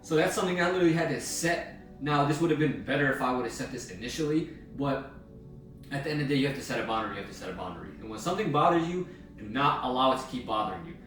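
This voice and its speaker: A man's voice: mid-range voice, expressive, racing, fairly bright tone, slight background noise. Young man, blunt street-slang talker, very roomy echo, heard from a distance. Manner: blunt, slangy, swears freely. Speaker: self-help vlogger. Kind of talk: casual motivational monologue. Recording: very echoey room, mic at a distance, music behind.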